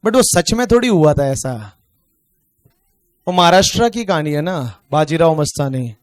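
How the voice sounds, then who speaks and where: A man with an Indian accent teaching an online tax class, chatting casually and joking, then slowly dictating questions. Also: on the high side, lively intonation, dry recording, studio quality.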